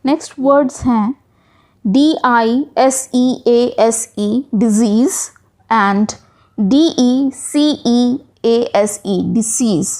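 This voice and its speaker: A woman's voice: a little high, darkish tone. A woman teaching English in Hindi, spelling words out letter by letter and giving examples.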